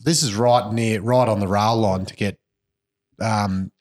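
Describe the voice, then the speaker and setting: A man's voice: fairly low pitch, steady tone, unhurried, darkish tone. A man with an Australian accent hosting a podcast, chatting casually through news in a blokey, slangy way. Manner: laid-back, blokey, slangy. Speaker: podcast host. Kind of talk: casual chat and news recap.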